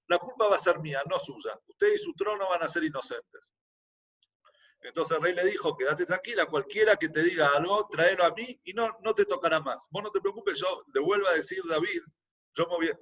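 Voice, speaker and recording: A man's voice: fairly high pitch, fairly bright tone, recorded from a distance, muffled recording. A man with an Argentine accent who teaches a Bible class. He reads a verse aloud and then explains it in plain everyday words, often repeating words as he searches for the next one. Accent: Argentine Spanish. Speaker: Torah teacher.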